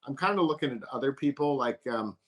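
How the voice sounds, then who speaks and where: Man, author guest, measured, hesitant, frequent fillers, mid pitch. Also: animated. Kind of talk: interview answers.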